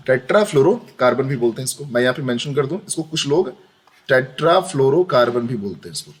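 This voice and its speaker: A young man teaching a chemistry lesson in a chatty way. He repeats questions back to the students as he talks. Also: medium pitch. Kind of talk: screen-recorded lesson.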